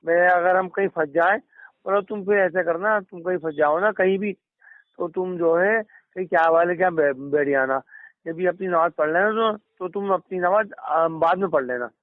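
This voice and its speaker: A man's voice: sits high, dry recording. Middle-aged male caller on a dry phone line. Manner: long anecdotes, quotes others, halting restarts. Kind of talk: casual phone conversation.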